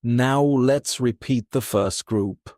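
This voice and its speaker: Very slow, calm man guiding relaxation. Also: mid-range voice, dry recording, studio quality. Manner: calm, unhurried, repeating words with pauses. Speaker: English teacher and relaxation guide. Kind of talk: slow guided relaxation language lesson.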